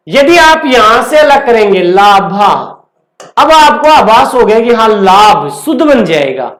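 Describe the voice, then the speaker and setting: A woman giving a grammar lesson at a very slow, deliberate pace, in a voice a little higher than most. She puts questions to her students and then answers them, repeating each key term. The room around her has a noticeable echo. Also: a bit bright. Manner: asks the class questions and answers them herself; repeats key terms over and over. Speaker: Hindi grammar teacher.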